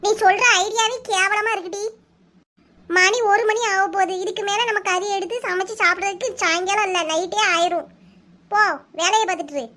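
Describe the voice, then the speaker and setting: A shrill, bright cartoon auntie from a village, bossy and hungry for a treat, as a woman voices her. She speaks with a Kanyakumari Tamil accent and scolds and teases quickly. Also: steady tone. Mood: scolding. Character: bossy, food-loving village aunties, bickering. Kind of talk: cartoon voice acting.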